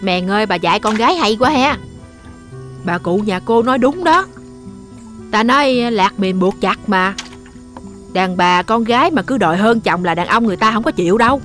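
A woman's voice: medium pitch, expressive, normal speed, fairly bright tone, faint music behind, natural voice. An actress playing a folksy countrywoman who gives advice. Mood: approving.

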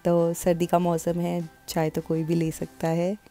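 Chatty woman vlogger, low mellow voice, casual narration over faint music. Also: completely flat delivery, a little slow. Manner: chatty, mixing in English phrases.

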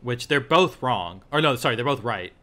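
A young man on a podcast, trading dry, sarcastic jabs in easy banter. His voice sits at a middle pitch with a bright, forward edge. He drops into quick mock voices to act out a joke. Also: expressive. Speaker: podcast co-host. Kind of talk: casual chat.

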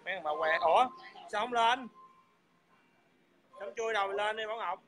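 A man's voice: sits high, fairly quick. A man hurling crude, taunting insults in a heated livestream rant. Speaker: livestream speaker.

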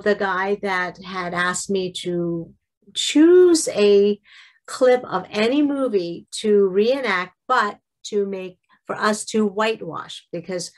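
A middle-aged woman vlogger talking casually and devotionally to camera, halting at times and correcting herself. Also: mid-range voice.

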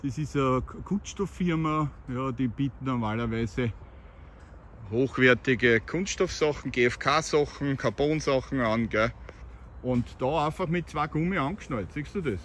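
Recorded on a handheld phone beside roadside bushes, an Austrian man with a Viennese accent gives casual CB radio chat and commentary for his vlog. His voice is mid-range and a bit bright, his pace measured, and he often ends phrases with tag questions. A little hiss or hum is audible.

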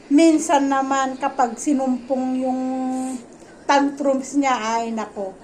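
Soft-spoken mother chatting at home. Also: high-pitched, fairly even intonation, slow pace, slight background noise, low-quality recording. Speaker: vlogger, mother. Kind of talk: casual home vlog chat.

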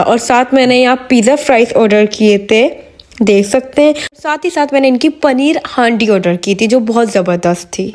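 A woman's voice: a little high, a little mellow. Chatty young woman reviewing food. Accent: Karachi Urdu. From Pakistan. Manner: chatty, enthusiastic, repeats words while reviewing. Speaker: food vlogger. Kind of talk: casual restaurant review vlog. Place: restaurant.

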